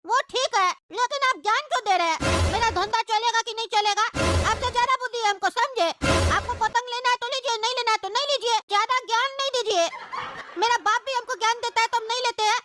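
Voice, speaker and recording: A woman's voice: very high-pitched, brisk, music in the background. A woman voicing a cocky, defiant male kite vendor on a train in a cartoon comedy. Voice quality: defiant, sassy.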